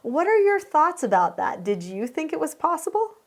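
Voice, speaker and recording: A woman with a somewhat high voice, talking to viewers as a parenting teacher. She explains a home video in an earnest, step-by-step way and now and then asks her audience questions. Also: big pitch swings, normal speed.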